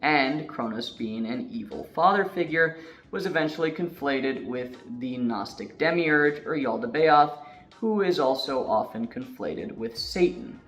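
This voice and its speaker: Guy narrating mysteries online, chatty and jokey, voice going a bit hoarse, mid pitch. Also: lively intonation, unhurried, a bit bright, soft background music. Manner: chatty, with joking asides. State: losing his voice. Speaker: YouTube narrator. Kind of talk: casual scripted narration.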